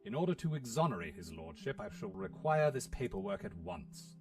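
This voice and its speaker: A man's voice: lowish voice, very animated, fairly quick, a little mellow. A man voicing a stiff, overly polite young British butler in a point-and-click game. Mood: prim. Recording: distant voice, faint music behind.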